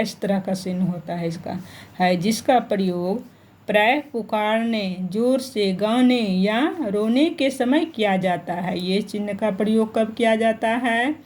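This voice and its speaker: A woman's voice: mid-range voice, takes it slowly, a little mellow. A woman teaching a grammar lesson to children, repeating each point and asking them questions as she goes. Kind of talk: online Hindi grammar lesson.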